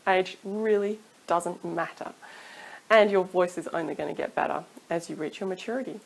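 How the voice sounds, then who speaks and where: In a casual advice vlog filmed in a small room at home, a singing teacher in her thirties chats encouragingly to camera, laughing from time to time. Her voice is lowish with vocal fry, at a normal speed. The audio is poor, recorded on a studio mic off camera.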